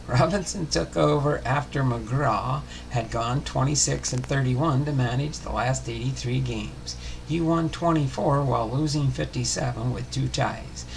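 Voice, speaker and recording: Reading a biography on his baseball history series, a man with a mid-range voice and vocal fry falters, tripping over words and rereading them, with background noise behind him.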